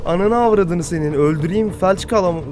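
A man's voice: sits high, normal speed, a little mellow, slight background noise. A man doing let's-play commentary on a horror game, swearing a lot and shrieking when he gets scared. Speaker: gamer and dubber.

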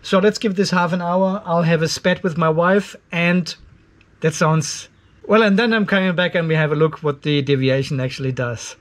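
Some workshop noise sits behind this man in his fifties, a DIY video host narrating a hands-on job in his metal-roofed garage. He speaks informally at normal speed in a voice on the high side, thinking aloud as he works.

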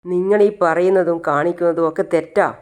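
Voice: mid-range voice, flat delivery, brisk, a little mellow, clean tone, close to an everyday voice. A narrator voicing a young woman who protests and pleads for her brother. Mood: pleading.

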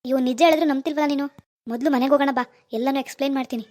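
A woman's voice: high voice, steady tone, very fast, a little mellow, pitched below the performer's own voice, natural voice. Woman voicing a pleading young cartoon husband. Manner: pleading, insistent. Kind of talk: animated cartoon dialogue.

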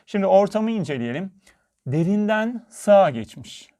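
Friendly physics teacher, fairly high voice. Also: male voice, lively intonation, a little slow, dark tone. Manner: friendly, addresses viewers as friends. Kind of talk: video lesson.

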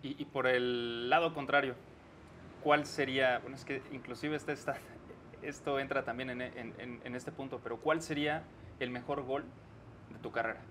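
A man's voice: mid-range voice, fairly even intonation, moderate pace, fairly bright tone, a little hiss or hum. Hesitant male interviewer. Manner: hesitant, rambling question. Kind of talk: casual interview questions.

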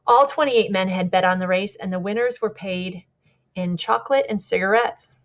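A woman who works as a polar expedition guide gives a lecture with slides in a warm, conversational way. Her medium-pitched voice moves at normal speed, with small slips and self-corrections.

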